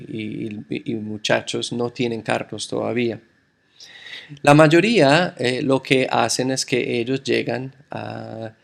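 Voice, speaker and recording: A man's voice: medium pitch, vocal fry. A man from the United States preaching a sermon, addressing the congregation as brothers and telling a story from his childhood.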